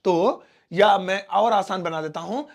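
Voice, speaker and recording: A man teaching a spoken English lesson, explaining slowly and repeating each word with everyday examples. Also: high-pitched.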